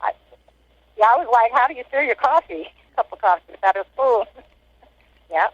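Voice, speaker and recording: A woman's voice: on the high side, expressive, moderate pace, dry recording. A woman in her sixties, an inmate, recalling her past in plain, matter-of-fact talk over a muffled prison phone line. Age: 60s. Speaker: inmate interviewee. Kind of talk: casual recollection. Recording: dull lo-fi phone call.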